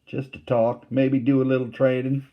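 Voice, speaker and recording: A man voicing a friendly Confederate soldier on picket duty, speaking with a soft Southern drawl. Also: mid-range voice, flat delivery, moderate pace, dull audio, voice pushed up, lightly acted.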